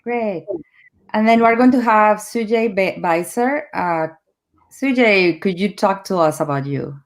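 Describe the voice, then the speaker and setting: A woman's voice: medium pitch, lively intonation, measured pace. A woman from Mexico with a Mexican Spanish accent, a Spanish native speaker, hosting and introducing guests in an upbeat way. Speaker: host. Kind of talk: hosting an online event.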